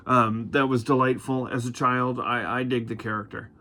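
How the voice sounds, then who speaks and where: A man's voice: mid-range voice, level tone, moderate pace, sharp tone, slight background noise. A man in his forties hosts a casual comic review vlog. He rambles with enthusiasm and uses many fillers. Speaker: comic book reviewer host.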